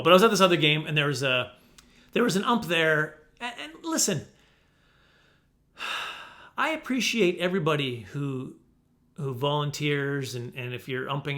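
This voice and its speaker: A man's voice: a little high, pushed and bright. A middle-aged man telling comic stories, defensive in mock fashion and repeating himself for laughs. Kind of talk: comic storytelling monologue.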